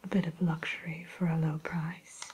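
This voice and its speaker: Lady doing an evil queen shopkeeper asmr roleplay, all breathy whisper, snooty and proper, slow little pauses. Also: low-pitched, flat delivery, darkish tone. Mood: genteel, musing. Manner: genteel, aloof, unhurried, hesitant pauses. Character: haughty evil fairy-tale queen turned mirror shopkeeper.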